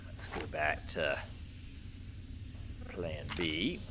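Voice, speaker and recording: A let's play host gives casual commentary while playing a video game, speaking in a rumbling low voice at an extremely slow pace. Faint game sounds play behind him.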